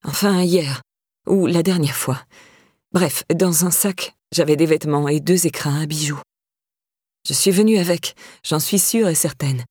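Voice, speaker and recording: A woman reading an audiobook, voicing a proud, restrained middle-aged woman in a low, subdued voice. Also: unhurried, darkish tone, husky, dry recording, studio quality. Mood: grieving. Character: proud, grieving middle-aged woman, cold then fragile.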